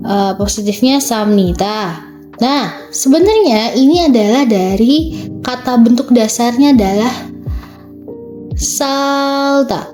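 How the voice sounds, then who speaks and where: Relaxed woman tutoring over soft music. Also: fairly high pitch. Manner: explains step by step, reading Korean sentences slowly; chatty, frequent "oke" and "ya". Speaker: Korean language tutor. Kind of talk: workbook walkthrough lesson.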